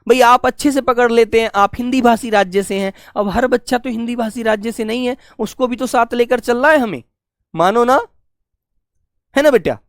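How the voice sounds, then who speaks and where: A male Hindi teacher giving a live online exam-prep class, speaking affectionately to his students and slowly repeating key phrases for them to write down. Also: very high voice, dry recording, clean studio sound.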